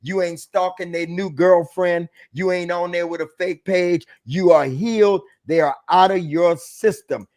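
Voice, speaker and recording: High-voiced preaching man, animated. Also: unhurried, hardly any pauses. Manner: animated, preachy, breaks into shouts. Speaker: bishop. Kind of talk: preaching relationship talk.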